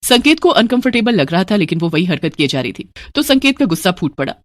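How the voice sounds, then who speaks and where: A woman narrating a dramatic story in an expressive, scripted way. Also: fairly low pitch, fast, dry recording, clean studio sound.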